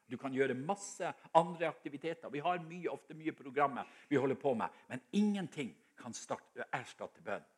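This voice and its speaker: A man's voice: medium pitch, expressive, few pauses, slightly rough. An older man from Norway's Helgeland coast with a Northern Norwegian accent, preaching a heartfelt sermon and telling stories with frequent restarts.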